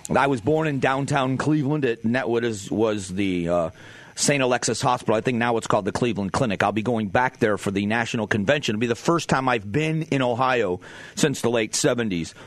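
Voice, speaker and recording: Firm, emphatic male radio host. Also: medium pitch. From Southwest Florida, USA. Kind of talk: opinionated radio monologue. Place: radio studio. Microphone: studio microphone.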